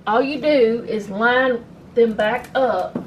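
A woman's voice: fairly high pitch, slow, highs cut off, a little hiss or hum. Chatty woman showing her home. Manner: chatty, rambling, self-correcting. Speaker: home vlogger. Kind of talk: casual show-and-tell vlog. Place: home, indoors.

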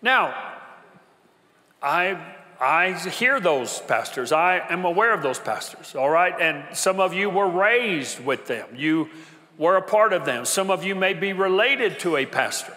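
A man preaching a sermon as pastor, with an emphatic, repetitive cadence that builds to shouting. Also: sits high, lively intonation, unhurried. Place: church sanctuary. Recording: reverberant church hall.

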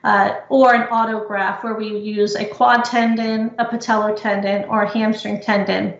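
A woman presenting research on knee injury rehab in an explanatory, measured way, with frequent fillers, over a video call. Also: medium pitch, flat delivery, creaky. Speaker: physical therapy researcher presenting. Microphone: computer mic on video call. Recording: echoey lo-fi video call audio.

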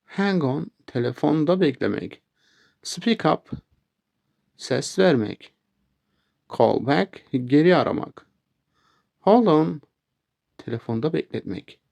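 A man teaching a language lesson, saying English phrases slowly and clearly and then giving their meanings. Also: on the high side, animated, a little mellow.

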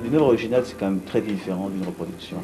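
A middle-aged man seated in a gallery cellar, answering an interview in a blunt, brisk way with many restarts. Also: lowish voice, over music, rough recording. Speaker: art fair organizer. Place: vaulted brick gallery cellar, indoors.

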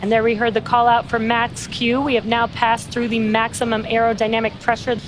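A woman with a fairly high voice hosts a live launch webcast, explaining as she commentates. There is clear noise behind her. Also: completely flat delivery, a little fast.

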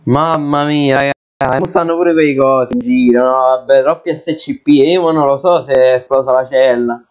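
Heard through dull, lo-fi audio, a young male gaming creator comments on a let's play at a normal pace in a mid-range voice. Nervous throughout, he keeps exclaiming and swearing whenever something scares him.

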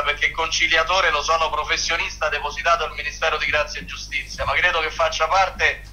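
A man talking over a speakerphone from his car as a club president, formal and measured as he calls in to a press conference. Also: on the high side, bright, forceful tone, poor audio. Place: in a moving car.

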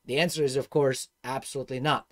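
A man from Serbia in his thirties with a Serbian accent, talking to a webcam about personal finance in an animated, gesturing way. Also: medium pitch, fast talker. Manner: animated, gestures a lot, swings between loud and soft. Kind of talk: casual vlog monologue. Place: dark room indoors.

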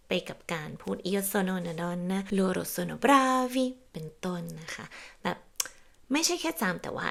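A woman who teaches Italian to native Thai speakers, giving a casual lesson in a gentle, encouraging way and often slowing down for spoken Italian phrases. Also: medium pitch, gravelly. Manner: adds a soft confirming particle to many sentences.

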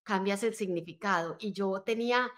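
Speaking at a moderate pace in a fairly bright, mid-range voice, a woman who works as a life and business coach shares her personal story as a podcast guest. She's an adult, married with children, and comes across earnest and motivational in the conversational interview, frequently asking "right?".

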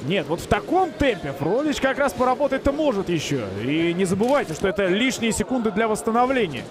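A man giving excited live commentary on a fight as a commentator. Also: high voice, brisk.

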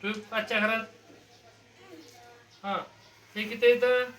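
A woman's voice: a little high, fairly even intonation, measured pace. A woman teaching young children in a school classroom, patiently prompting them with repeated questions. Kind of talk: classroom word-game lesson. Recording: noisy classroom recorded from a distance.

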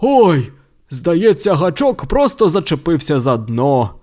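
A man voicing a bossy father dinosaur in a children's audio story, with loud, commanding calls. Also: fairly high pitch, very animated, slow, exaggerated voice.

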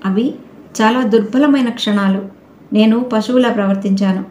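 A woman's voice: fairly high pitch, moderate pace, darkish tone, close to an everyday voice. A woman voicing a young husband who earnestly pleads and reasons with his wife, in an audio novel reading. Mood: pleading. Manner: earnest, persuasive. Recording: roomy echoey recording.

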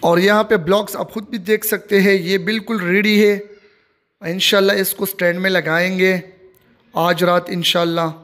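Man, high voice, casual phone-filmed site tour vlog. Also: level tone, moderate pace, a bit bright. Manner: repetitive, plain commentary while filming. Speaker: vlogger giving a site tour. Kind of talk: casual walking tour narration. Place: outdoor construction site of a stadium. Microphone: handheld phone.

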